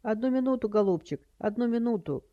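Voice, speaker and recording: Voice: mid-range voice, lively intonation, brisk, highs cut off, voice pushed up, lightly acted. A narrator voicing a feeble old woman who plays senile, with a quavering, doddering voice and a fussy, dithering manner.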